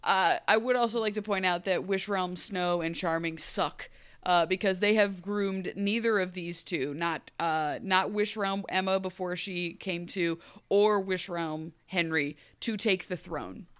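A woman's voice: fairly low pitch, unhurried, smooth. A woman co-hosting a podcast, chatting casually and animatedly, often mimicking characters in a mock-grandiose tone. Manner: animated, mock-grandiose quoting, frequent fillers. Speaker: podcast co-host. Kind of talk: casual recap chat.

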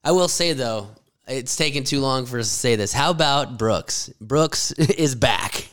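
A man's voice: mid-range voice, unhurried, a bit bright. A man co-hosting a podcast, chatting casually and animatedly about golf, swearing freely and laughing often. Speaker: podcast co-host.

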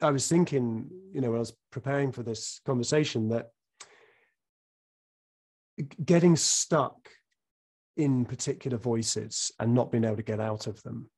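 Husky man musing haltingly. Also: medium pitch, a little mellow. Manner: thoughtful, halting, with many fillers and restarts. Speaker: interviewer. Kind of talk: conversational interview.

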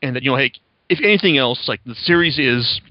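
A man's voice: medium pitch, expressive, fast, no room sound. A man hosting a podcast, chatting casually and reviewing with rambling, profane enthusiasm. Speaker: podcast host. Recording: slightly dull lo-fi sound.

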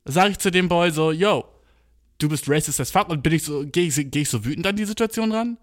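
A young man telling a comedic story in casual speech, slangy and animated, full of swearing and English slang. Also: a little fast. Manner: slangy, animated, acts out quotes with big pitch jumps.

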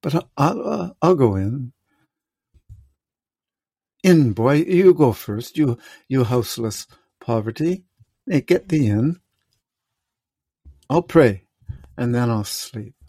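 An aging, raging king in a storm, as a man reads him aloud. The lines come slow and weighty, with long pauses between phrases. The voice is close and dry, with no room around it. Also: medium pitch, expressive, warm tone, breathy edge, no echo, heavily acted. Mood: weary. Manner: slow, declaiming verse with heavy pauses. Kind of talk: reading a play aloud.

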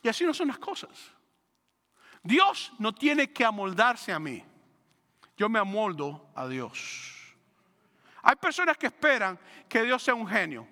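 A man preaching a sermon as pastor, swinging between loud declarations and hushed, slow passages. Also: sits high, sing-song, long reverb tail.

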